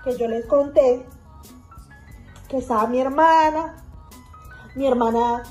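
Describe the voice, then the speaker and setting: Young woman doing a roleplay vlog, high voice, rambling and repeating herself. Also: takes it slowly, mellow, soft background music, low-quality recording. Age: young adult. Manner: chatty retelling with many fillers and repeats. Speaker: vlogger playing a young pregnant vampire mom. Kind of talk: in-character vlog storytelling.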